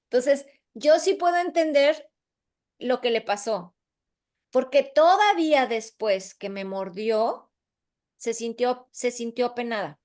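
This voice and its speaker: A woman's voice: fairly high pitch, takes it slowly. A middle-aged woman, an instructor telling an anecdote to her class, acting out the dialogue as she goes. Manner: animated, acts out the dialogue. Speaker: course instructor. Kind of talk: lively storytelling in a class.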